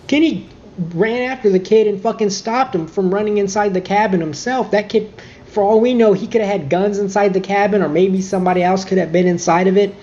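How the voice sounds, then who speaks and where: A man's voice: high-pitched, fairly quick, darkish tone, dull audio. A young man reviewing a game in a casual, irritated rant full of swearing and nitpicks.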